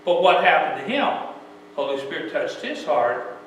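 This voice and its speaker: High-voiced folksy preacher in echoey church. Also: male voice, very animated, normal speed, fairly bright tone. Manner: folksy, asks rhetorical questions. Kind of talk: sermon. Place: church sanctuary. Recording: very echoey church, mic far off, faint hum.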